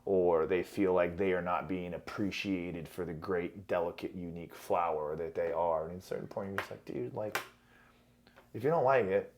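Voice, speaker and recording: A man's voice: deep voice, normal speed, slight background noise. A man in his forties, a gym owner and jiu-jitsu coach, talking casually and candidly on a podcast, swearing freely and joking at his own expense. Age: 40s. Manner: candid, profane, self-deprecating.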